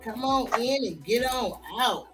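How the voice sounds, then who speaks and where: A woman's voice: fairly high pitch, a little slow, soft background music, poor audio. A woman hosting a crafting livestream, chatting casually and talking to her viewers as she works. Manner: relaxed, chatty, talks to viewers. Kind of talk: casual chat while crafting.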